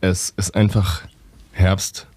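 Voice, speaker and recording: A young man hosting a casual radio interview in a studio, relaxed and chatty with many fillers. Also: low-pitched, slow, breathy edge, dry recording. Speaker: radio host. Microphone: studio microphone.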